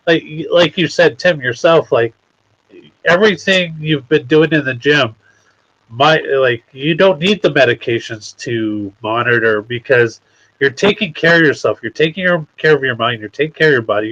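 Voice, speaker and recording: A man's voice: medium pitch, a bit bright. A man hosting a casual podcast chat, laid-back and rambling, agreeing with his guests. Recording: dull lo-fi mic.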